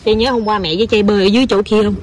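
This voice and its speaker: A woman's voice: mid-range voice, fairly even intonation, rapid-fire, darkish tone. A woman coaxing and cheering her child on outdoors by a river, filming on her phone. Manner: coaxing, encouraging, counts aloud. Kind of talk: casual family vlog. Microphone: phone camera held by the speaker.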